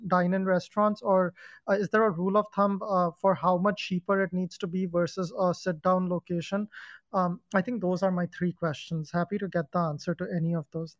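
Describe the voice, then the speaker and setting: A woman from Nepal politely and hesitantly asking questions on an audio panel, pausing often with fillers. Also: fairly low pitch, dry recording. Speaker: audience member, virtual kitchen owner. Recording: dry, muffled phone audio.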